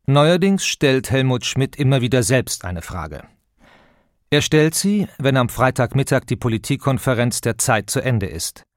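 A man reading an audiobook introduction in a measured, even studio narration. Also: mid-range voice, no echo.

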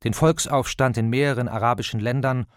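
A man reading an audiobook introduction in a measured, even studio narration. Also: mid-range voice, no echo.

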